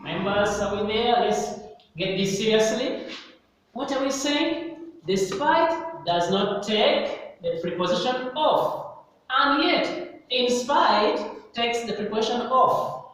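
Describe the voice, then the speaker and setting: Slow, repetitive male teacher in echoey hall. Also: very high-pitched, fairly bright tone. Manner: slow, repetitive, stresses key words. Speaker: English teacher. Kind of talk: classroom grammar lesson. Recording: echoey hall, mic far off, faint noise.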